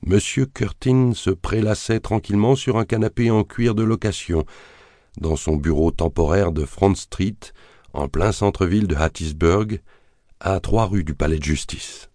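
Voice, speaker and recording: A man narrating a thriller audiobook in a measured, dramatic reading that colors the quoted lines. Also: deep voice, warm tone, no room sound, studio quality. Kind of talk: scripted narration of a thriller novel.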